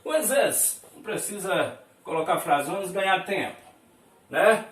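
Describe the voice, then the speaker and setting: Speaking unhurriedly in a high, slightly bright voice full of lively intonation, a male teacher from Brazil explains English words to his class. Each phrase gets repeated, and he checks in with students regularly, captured by a far-off mic in an echoey space.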